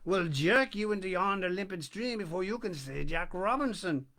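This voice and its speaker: A man voicing a pompous, wordy python snake who speaks in a deliberate, ornate way. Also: sits high, expressive, pushed and bright, full character voice.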